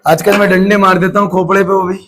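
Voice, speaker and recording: Male physics teacher, high voice, teasing classroom banter. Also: flat delivery, fast talker, a bit bright, slight background noise. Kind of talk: joking classroom lecture.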